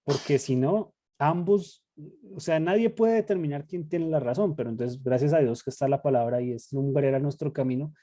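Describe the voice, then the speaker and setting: A man's voice: on the high side, normal speed, warm tone. A man leading a casual group Bible study, reflective and self-critical, often repeating his words as he thinks aloud. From Latin America.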